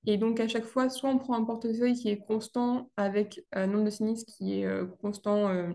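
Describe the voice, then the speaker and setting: A young woman presenting her thesis, speaking in a hesitant way with many pauses and restarts. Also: mid-range voice, little pitch movement, creaky, warm tone.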